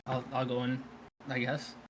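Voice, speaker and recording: A man's voice: mid-range voice, monotone, normal speed, slight background noise. A man playing in a tabletop game, joking and swearing, rambling with restarts. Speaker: player. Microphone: home mic on a live stream.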